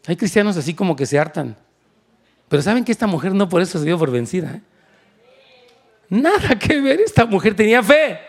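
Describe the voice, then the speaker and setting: High-voiced preacher, animated sermon. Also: male voice. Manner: animated, switches into English, asks the crowd for amen. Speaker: pastor.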